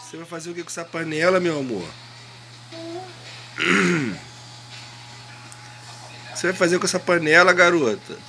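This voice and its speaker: Um homem com sotaque brasileiro, filmando o bebê com o celular num quarto pequeno e falando com ele em tom carinhoso e arrastado. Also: male voice, fairly high pitch, lively intonation, creaky, music in the background. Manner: doting baby talk, drawn-out words, playful questions. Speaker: parent filming his baby. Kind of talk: casual home video. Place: small bedroom indoors. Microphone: handheld phone camera, speaker behind it.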